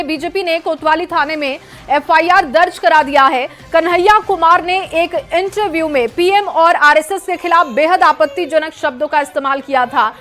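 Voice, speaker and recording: A woman anchoring a live TV news bulletin, brisk and emphatic, introducing reports and questioning a correspondent. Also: very high-pitched, fairly bright tone.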